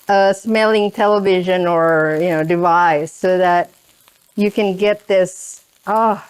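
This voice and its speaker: Slow, smooth-voiced woman cooking on camera. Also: medium pitch. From Indonesia. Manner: chatty, keeps asking "right?". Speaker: cooking show host. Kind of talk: cooking demonstration. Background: sizzling pan.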